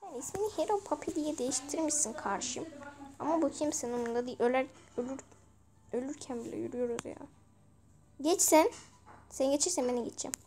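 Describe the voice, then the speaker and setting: A young woman giving casual, exasperated gameplay commentary with bursts of shouting and swearing. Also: high voice, quick pace. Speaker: gaming video creator.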